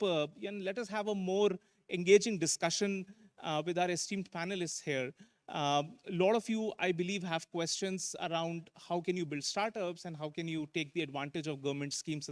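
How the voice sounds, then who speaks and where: A man moderating a conference panel discussion, hesitant and full of fillers. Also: high voice. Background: conference hall.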